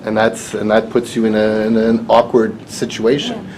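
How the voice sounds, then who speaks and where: A man's voice: on the low side, steady tone, normal speed, darkish tone, low-quality recording. A man moderates a panel discussion in an encouraging way, affirming each speaker and then calling on the next by name. Faint background noise can be heard under his voice.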